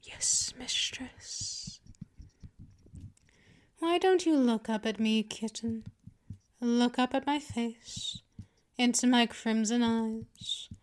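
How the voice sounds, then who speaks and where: In an intimate ASMR roleplay, a woman plays a seductive vampire mistress, her rather high voice drawing each word out very slowly. Patient and possessive, she teases and coaxes the listener while talking down to them. The mood is seductive, and her slow, condescending delivery keeps drifting into whispers.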